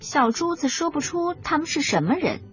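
A woman narrating a children's storybook in a lively, expressive reading. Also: high voice, normal speed. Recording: dull lo-fi recording, faint music.

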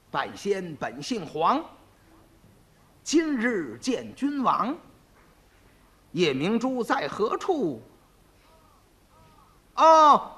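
A man voicing a sly male fortune-teller who puts on slow, self-important airs in a comic storytelling act. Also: mid-range voice, fairly bright tone, slightly rough, pitched below the performer's own voice, heavily acted.

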